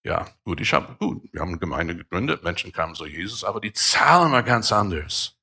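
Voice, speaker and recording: A middle-aged man, a pastor, preaching a sermon with emphatic, sudden loud rises. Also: sits low, very animated, brisk, creaky, husky.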